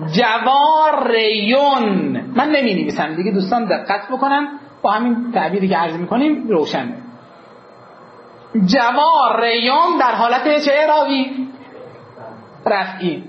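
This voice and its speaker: A man's voice: very high voice, slight background noise. A man teaching a grammar lesson to a class. He asks the students questions, answers them himself, and draws out the key words. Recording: roomy, dull lo-fi classroom recording.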